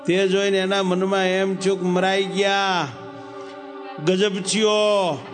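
Animated preacher. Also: male voice, slow, over music. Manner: animated storyteller, dramatic shifts in pitch and pace. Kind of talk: sermon storytelling.

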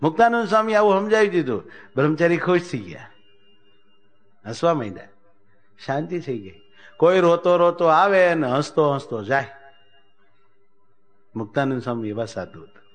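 A man giving a devotional story sermon, lively and animated, lifting his voice high whenever he speaks for a character. Devotional music plays clearly behind him the whole time. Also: moderate pace, pauses often. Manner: animated storytelling, voicing characters with raised pitch. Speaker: religious storyteller.

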